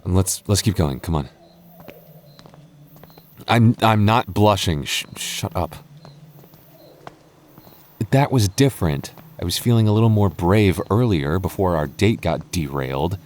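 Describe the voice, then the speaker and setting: In an intimate audio roleplay, a man voices a young goth boyfriend with a low pitch and a somewhat dark tone, plus a little hiss or hum in the audio. He talks earnestly but haltingly, stammering, with lively intonation. Protective and playful, he's easily flustered and comes across bashful.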